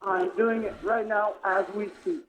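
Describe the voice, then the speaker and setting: A man calling in to a live show over a muffled, hollow-sounding phone line. He stammers and hesitates, with a deadpan delivery. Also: high-pitched, unhurried. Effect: muffled hollow phone line, like a headset. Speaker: prank caller. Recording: noisy phone call.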